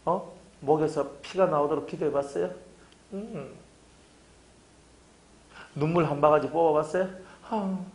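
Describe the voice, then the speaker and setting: A man's voice: a little high, unhurried, pauses often, darkish tone. A middle-aged male pastor, preaching a fervent sermon full of hammering rhetorical questions.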